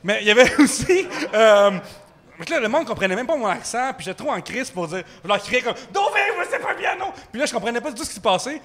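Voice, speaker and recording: A man with a Québécois accent spins a rambling story in a high, bright voice. He talks in an animated way, heavy on fillers and casual slang, recorded live for a podcast. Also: fast. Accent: Québécois French. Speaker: guest storyteller. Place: microbrewery with live audience.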